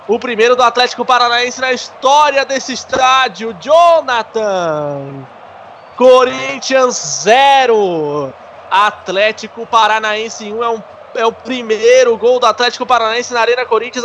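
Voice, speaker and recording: A man with a Brazilian Portuguese accent doing explosive live football goal commentary, shouting and stretching out his words. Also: extremely high pitch, a little hiss or hum.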